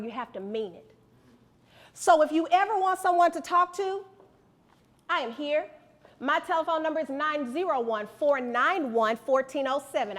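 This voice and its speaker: A middle-aged woman giving a motivational speech to students, animated and preacherly, repeating lines for emphasis. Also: a little high. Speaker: guest speaker.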